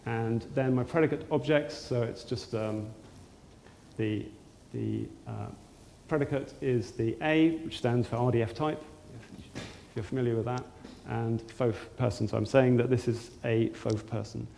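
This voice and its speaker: Male conference speaker, gravelly and hesitant, in a reverberant hall. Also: mid-range voice, fairly even intonation, a little slow, warm tone. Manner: hesitant, frequent ums and restarts. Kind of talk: technical presentation. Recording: roomy hall with long reverb, faint noise.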